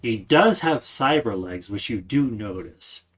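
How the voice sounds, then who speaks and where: A man's voice: lowish voice, lively intonation, unhurried. A man narrating a tabletop game as game master, describing scenes and often restarting his sentences.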